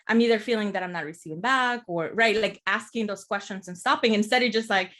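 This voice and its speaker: Speaking quickly at a medium pitch with a fairly bright tone, a therapist from El Salvador joins a casual podcast as a guest. She explains things reflectively and keeps checking in with "right?".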